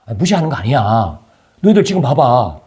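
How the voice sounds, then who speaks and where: A man acting out a humble ancient male leader calming angry tribesmen with flattering words, inside a sermon. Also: medium pitch, brisk, voice pushed down, close to an everyday voice. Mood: placating. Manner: placating, flattering.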